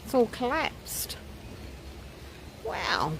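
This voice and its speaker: Speaking very slowly yet with great animation, this vlogger has a fairly high, fairly bright voice as she leads a walk on a forest trail. She muses aloud and exclaims in wonder at what she sees. Audio quality is poor, with outdoor noise and birdsong in the background.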